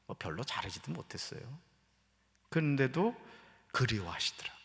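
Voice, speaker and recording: A man's voice: mid-range voice, normal speed, gravelly. A middle-aged man preaching a sermon as pastor, joking with the congregation and then turning earnest. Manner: humorous, animated preaching with jokes and quoted voices. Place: church sanctuary. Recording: church hall reverb.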